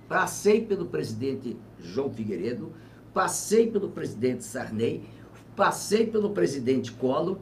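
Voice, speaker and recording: A man in his seventies answers interview questions with long reflective turns that swell into emphatic bursts. His voice is fairly high for a man and swings widely in pitch. He is caught from some distance, with a faint hum of room noise behind him. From Brazil. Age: 70s. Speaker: former governor, interviewee. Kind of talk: political interview conversation.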